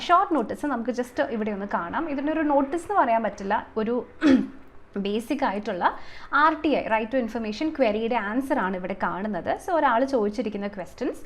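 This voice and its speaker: A woman with a fairly high voice gives a semi-formal explanatory video lesson coaching students for an exam. She mixes in lots of English terms and numbers, and there's a slight hiss or hum on the recording.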